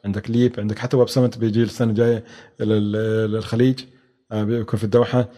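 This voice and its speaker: A man's voice: lowish voice, little pitch movement, very fast, warm tone. A man answering interview questions, with many hesitations and restarts. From Oman. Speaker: guest, venture capital expert.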